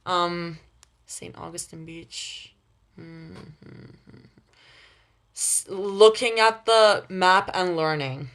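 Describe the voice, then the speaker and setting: A young woman hosting a livestream, chatting casually with viewers, laughing often between quick asides. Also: on the low side, fairly bright tone. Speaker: livestream host reading chat. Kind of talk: casual live chat with viewers.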